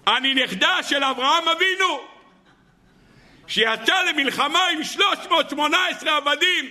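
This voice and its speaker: Indignant old grandmother, high shrill pleading voice, put on by a male preacher in a story. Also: bright, forceful tone, full character voice.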